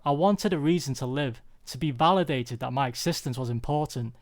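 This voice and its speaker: Speaking at a medium pitch, a young British-born man delivers a personal talk he has prepared. He is earnest and confessional, and his phrasing is deliberate.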